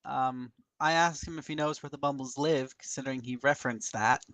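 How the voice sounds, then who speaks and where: A man playing in a tabletop game, calmly describing what his character does. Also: mid-range voice, brisk, no echo, low-quality recording. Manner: matter-of-fact, describes his character's actions. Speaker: player. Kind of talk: casual tabletop game chat.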